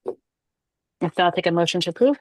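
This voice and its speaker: A woman's voice: fairly low pitch, animated, quick pace, dry recording. A woman chairing a committee meeting over a video call, congested, casual and polite with many fillers. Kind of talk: running a virtual meeting.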